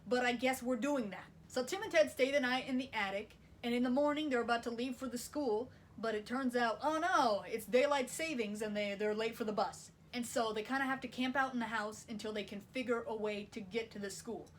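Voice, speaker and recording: A woman's voice: on the high side, a little fast, hardly any pauses, slight background noise. A woman recapping a movie in a wry, sarcastic way, swearing casually. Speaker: video essayist.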